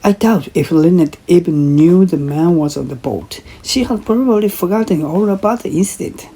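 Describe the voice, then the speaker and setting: A woman's voice: lowish voice, expressive, normal speed, mellow, slightly rough, pitched above the performer's own voice, rough recording. A woman reading aloud and voicing a brusque young man who talks in short, clipped sentences. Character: brusque young English husband, reassuring yet curt.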